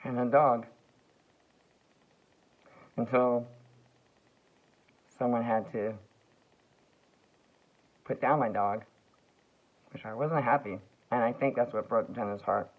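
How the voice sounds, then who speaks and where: A man rambling through a slow, halting vlog monologue full of fillers and restarts. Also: medium pitch, steady tone. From United States. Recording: tinny phone-like sound.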